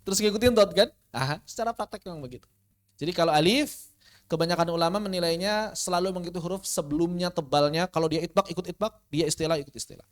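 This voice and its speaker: This is a recorded online tajwid class where the Quran recitation teacher, speaking at a medium pitch, raises rhetorical questions and then answers them. Arabic letters are pronounced slowly to illustrate each point.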